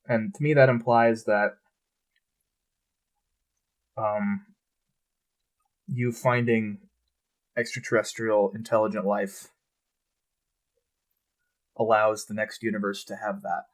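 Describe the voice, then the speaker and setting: A man co-hosting a podcast in casual chat, relaxed and swearing freely. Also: on the low side, slow, pauses often. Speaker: podcast co-host.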